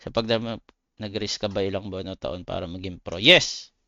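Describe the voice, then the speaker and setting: A Filipino man, a game streamer and competitive esports player, chats casually with his livestream viewers, calling them buddies and talking in a blunt, slangy way full of swearing. His voice sits low and is gravelly, pushed and bright, with fairly even intonation and a brisk pace. The audio is dull, with no room sound.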